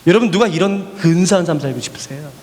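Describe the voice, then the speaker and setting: Speaking fast in a slightly high voice, this male missionary preacher fills a large church hall with his sermon. His storytelling is animated, full of repeated refrains and rhetorical questions aimed at the congregation.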